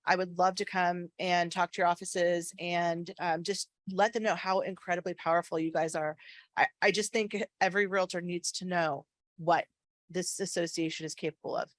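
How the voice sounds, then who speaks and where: A woman's voice: fairly low pitch, fairly even intonation, moderate pace, no echo. A woman giving an earnest, emphatic, persuasive talk to a meeting as a staff speaker, repeating key phrases, her speech slightly slurred from wearing a retainer. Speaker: association government affairs staff speaker.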